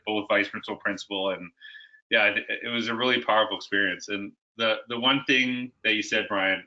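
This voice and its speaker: Man with a very bright voice. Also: fairly low pitch, highs cut off. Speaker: guest, educator and author. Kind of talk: conversational interview.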